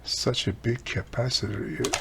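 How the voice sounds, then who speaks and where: An older electronics hobbyist talks his way through fixing a radio in his home workshop, musing aloud in a chatty, informal tutorial. He has a medium-pitched, steady voice with vocal fry, at a moderate pace, against a noisy background.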